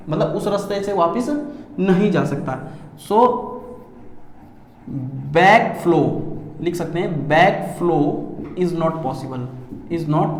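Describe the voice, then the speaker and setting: A man teaching a lesson to students, asking rhetorical questions while he draws and repeating key words. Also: sits high. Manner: calls students "beta" and often says "theek hai". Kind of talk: classroom-style lesson. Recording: echoey room with faint ambience.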